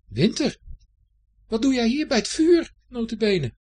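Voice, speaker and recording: A man voicing a tired, irritable male Autumn spirit in a storybook, bossy and scolding, his voice pushed high. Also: big pitch swings, a little slow, darkish tone, slightly rough, exaggerated voice. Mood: indignant.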